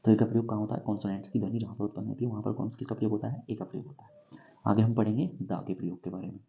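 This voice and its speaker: A man teaching English grammar in a classroom-style lesson, going slowly and asking himself questions before he answers them. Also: fairly low pitch, steady tone, creaky, dark tone, lo-fi sound. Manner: slow, repeats and quizzes himself with questions.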